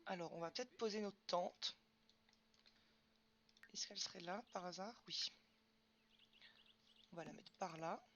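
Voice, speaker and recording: Young woman streamer, bright chatty voice, chats with viewers between game moves, a bit dull and lo-fi. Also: lowish voice, a little slow, long pauses, slight background noise. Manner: chatty, answers chat questions, frequent fillers and "hop". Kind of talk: casual live-stream chat while gaming.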